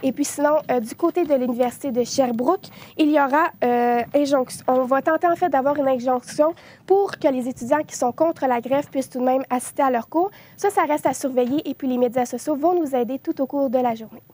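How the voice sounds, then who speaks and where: A young woman delivers a news report on social media reactions. Her voice sits quite high, and she stumbles and fills pauses often as she goes. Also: dark tone. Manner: hesitant, many filler sounds.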